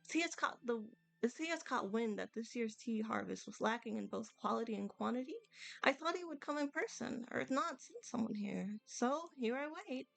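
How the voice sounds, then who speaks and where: A woman plays a very old village grandfather from a video game, humble and courteous. The voice sits fairly high with a creaky edge, and the phrasing is formal and old-fashioned. Faint music plays behind it. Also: animated, normal speed, fairly bright tone. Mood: earnest, worried. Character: polite, apologetic elderly village tea farmer, Grandpa Liu. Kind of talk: reading video game dialogue aloud.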